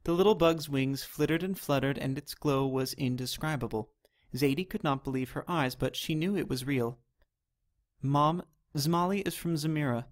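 A man narrating an animated chapter of a children's novel in a steady, even reading. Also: medium pitch, normal speed. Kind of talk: storybook narration.

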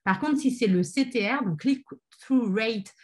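A woman's voice: a little high, unhurried, darkish tone. A woman presenting an online training session, talking with many fillers and restarts. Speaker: webinar speaker on ad testing.

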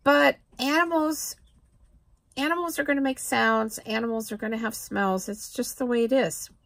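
A woman's voice: fairly high pitch, moderate pace, gravelly, fairly bright tone, no room sound. A middle-aged woman talking straight to a close camera in a cluttered room, earnest and plain-spoken as a homesteading vlogger. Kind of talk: casual talking-head vlog.

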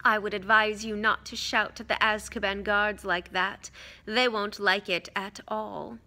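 A woman plays a sneering aristocratic villain from a storybook. He is bright and pointed in tone, with a lazy, condescending drawl and smooth false politeness. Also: mid-range voice, flat delivery, unhurried. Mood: mocking politeness.

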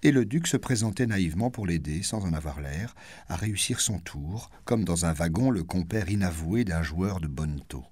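Brief: deep male audiobook narrator, expressive reading, lively pitch, dry close recording. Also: moderate pace, dry recording. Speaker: audiobook reader.

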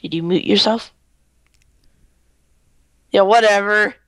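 A man's voice: high voice, fairly even intonation, slow, fairly bright tone, no room sound. A teenage boy playing a game over a voice call who swears and yelps when he loses. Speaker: gamer friend. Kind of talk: casual chat over voice call.

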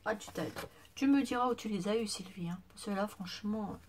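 A woman's voice: mid-range voice, brisk, slight background noise. A woman showing off gifts she received in a casual vlog, gushing and exclaiming, sometimes dropping to a whisper, with a voice that is giving out. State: losing her voice. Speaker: craft vlogger. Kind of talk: casual unboxing chat to camera.

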